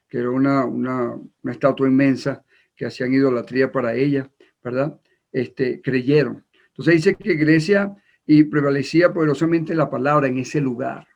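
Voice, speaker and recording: Gravelly Ecuadorian man preaching. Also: mid-range voice, darkish tone. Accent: Ecuadorian Spanish. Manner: halting, with many repeated words and fillers. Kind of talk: sermon. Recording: dull lo-fi recording.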